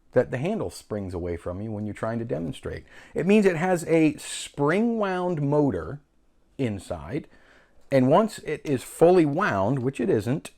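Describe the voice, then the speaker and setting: A man's voice: mid-range voice, a little mellow. A man hosting a casual filmmaking tutorial, chatty and self-correcting as he demonstrates a camera. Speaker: filmmaking channel host.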